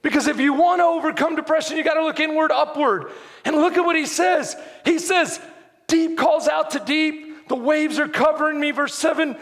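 Gravelly high-voiced preaching pastor. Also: male voice, normal speed, long reverb tail. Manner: swings from quiet confiding talk to shouted preaching. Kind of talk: sermon.

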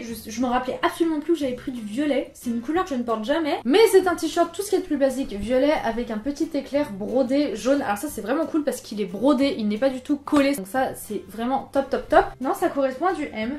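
Here the same kind of casual try-on haul comes from a young woman from France who makes fashion videos on YouTube, teasing herself and cracking jokes as she goes. The room is indoors with artificial light, and her high voice carries a roomy sound.

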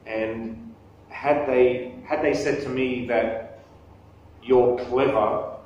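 Talking very slowly in a medium-pitched, slightly mellow voice with fairly even intonation, a man in his thirties gives a conversational live talk with questions, making fun of himself and often restarting sentences. The muffled recording comes from a camera on a table across a small meeting room, so he sounds distant and very echoey, with faint background noise.

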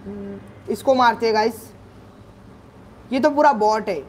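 A man hosting a gaming channel, giving live gameplay commentary on his own microphone, excitedly shouting orders at his teammates. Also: high-pitched, unhurried, slight background noise.

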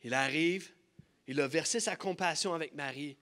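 A man with a Quebec French accent preaching a sermon in a church, animated, urging the congregation to repeat lines after him. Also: on the high side, normal speed. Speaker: pastor. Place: church sanctuary.

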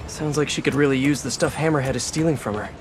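A man's voice: medium pitch, fast, lightly acted. A man playing a young, upbeat, chatty superhero with an American accent, tossing out sarcastic, jokey banter in a video game. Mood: casual, wry. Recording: loud game music and traffic behind.

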